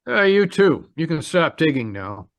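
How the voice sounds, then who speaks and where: A man with a slightly high, very animated voice speaks unhurriedly in a dry recording. He plays a stern, formal homicide lieutenant in an old-time radio drama, firm and matter-of-fact, with an authoritative manner as he masterminds a trick confession.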